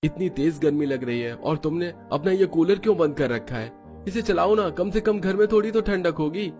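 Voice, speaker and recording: A man's voice: mid-range voice, moderate pace, a little mellow, faint music behind, lightly acted. A man voicing a young husband who grumbles about the heat. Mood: grumbling.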